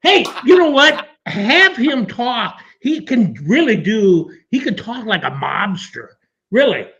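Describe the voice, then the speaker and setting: A man's voice: very high-pitched, big pitch swings, slow pace, pushed and bright. A man co-hosting a radio talk show, telling rambling, jokey stories. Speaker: co-host. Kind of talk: casual joking banter. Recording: dull lo-fi sound.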